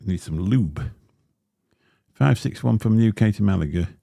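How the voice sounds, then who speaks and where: A man with a deep, dark voice and vocal fry speaks in an animated, unhurried way, hosting a casual livestream where he unboxes gear and rambles with lots of fillers. The recording, from a close dynamic studio mic, is dry and studio quality.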